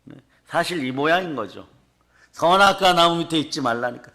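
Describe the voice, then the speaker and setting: A man preaching a fervent revival sermon to a congregation, declaring blessings and prompting the listeners with quick tag questions. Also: on the high side, bright, forceful tone. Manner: emphatic declarations answered by the congregation. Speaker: pastor. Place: church service before a congregation.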